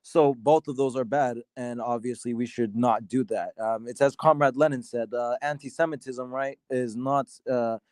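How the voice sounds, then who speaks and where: A man from Sudan arguing his side in a casual debate, halting often with fillers and restarts. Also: mid-range voice, steady tone, a little mellow, no echo. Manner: hesitant, many fillers and restarts. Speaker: debate guest.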